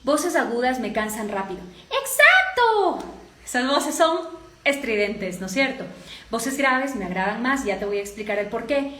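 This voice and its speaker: In an echoey room, a woman with a Latin American Spanish accent teaches a voice course, her voice on the high side, a bit bright, at a normal speed. As a speaking coach, she lays things out step by step and frequently checks that everyone is keeping up.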